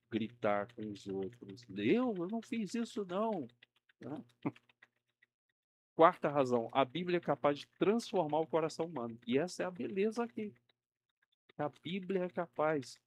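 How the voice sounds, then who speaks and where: A man's voice: medium pitch, a little mellow, a little hiss or hum. Man teaching a church class. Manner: conversational, uses tag questions like "né?" often; acts out quoted people in a raised voice. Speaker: Sunday school teacher.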